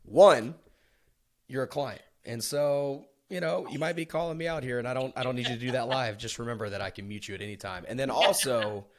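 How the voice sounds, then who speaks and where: A man's voice: medium pitch, a little fast. A man hosting a casual business podcast, talking in a rambling, self-deprecating way with frequent restarts. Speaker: podcast host.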